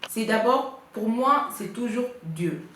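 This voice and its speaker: A woman's voice: fairly high pitch, animated, slow, fairly bright tone. A woman giving couple advice in a casual vlog, chatty and full of hesitations. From Congo. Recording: echoey room, faint noise.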